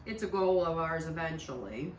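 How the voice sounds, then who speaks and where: A woman's voice: deep voice, animated, moderate pace, distant mic. A middle-aged woman talks in an easy, chatty way over a dinner table. She sits back from the mic in an echoey room, with a faint hiss and dishes and cutlery clinking behind her. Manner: chatty, conversational. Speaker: homestead channel co-host. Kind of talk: casual chat over dinner. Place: home dining room.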